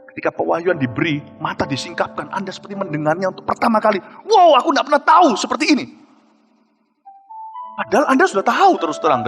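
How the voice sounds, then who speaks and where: A middle-aged man preaches with a high, quick voice, shifting from excited outbursts to quiet, low prayer. His sermon rings through a large hall with a long reverb. Soft music plays faintly behind him. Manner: animated preaching, swings between loud exclamations and low hushed prayer. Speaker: pastor.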